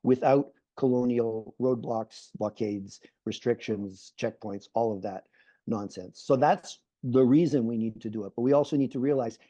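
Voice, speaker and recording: Speaking at a normal pace, this middle-aged man from Canada has a dark, medium-pitched voice with no echo. He is a peace activist on an online panel, earnest in manner, repeating phrases to build his arguments over a muffled video call.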